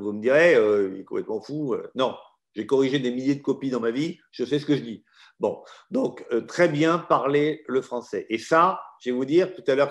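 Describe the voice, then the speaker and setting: Middle-aged man, law professor, frank and opinionated, lively explaining, student Q&A. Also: medium pitch. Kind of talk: answering student questions in an online Q&A.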